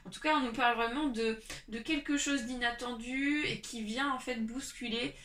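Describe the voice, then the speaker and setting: A woman with a congested, stuffy nose from a cold gives a casual tarot reading to viewers, speaking haltingly and repeating her phrases. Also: a little high, fairly even intonation, fairly bright tone. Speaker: tarot reader. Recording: roomy echo, distant mic, light noise.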